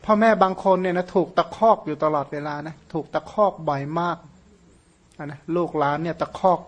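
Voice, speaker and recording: A Buddhist monk from northeastern Thailand, a native Khmer speaker, giving a casual, conversational Dhamma talk with gentle chuckles. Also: male voice, fairly high pitch, normal speed, breathy edge, dull audio. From Surin, northeastern Thailand.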